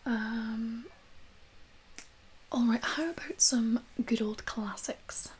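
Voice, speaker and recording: A woman doing a whispered role-play as a librarian, speaking gently and hesitantly in a soft, breathy whisper. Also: a little high, fairly even intonation, slow. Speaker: ASMR creator playing a librarian recommending books.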